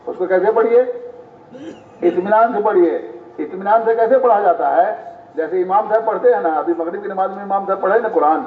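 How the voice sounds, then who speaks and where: High-voiced preacher quizzing a congregation. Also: male voice. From Bihar, India. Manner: quizzes the congregation with repeated questions; repeats each point several times. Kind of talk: sermon. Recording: echoey, distant, tinny phone-like, faint noise.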